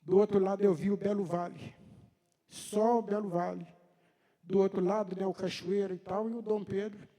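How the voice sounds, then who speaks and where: A man's voice: sits high, level tone, normal speed, warm tone, big-room sound. A man preaching a sermon, telling a personal story in a conversational way and acting out the dialogue. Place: church hall.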